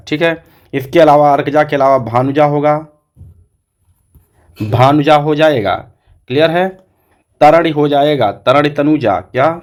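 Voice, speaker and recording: Hindi teacher drilling with repeated questions. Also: male voice, a little high, a little mellow. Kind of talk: exam-prep lecture.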